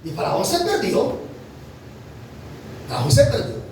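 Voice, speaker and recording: High-voiced preacher in an echoey hall. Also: male voice, wildly swooping pitch, slow pace, creaky, a little mellow, recorded from a distance, a little hiss or hum. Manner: emphatic, rhetorical questions, addresses listeners as brother. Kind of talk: sermon.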